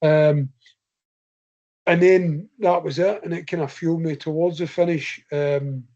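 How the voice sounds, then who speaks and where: A man's voice: on the high side, fairly even intonation, unhurried, dark tone, muffled recording. Chatty Scottish man telling a long story. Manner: long rambling anecdotes told in his own voice. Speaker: guest ultra runner. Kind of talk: casual podcast interview.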